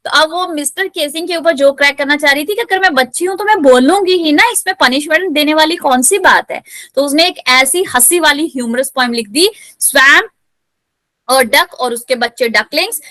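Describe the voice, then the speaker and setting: Woman teacher, lively explanation, high pitch, dry close sound. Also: dry recording. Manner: explains in Hindi, reads English text slowly; lively, playful asides to students. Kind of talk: chapter explanation lesson.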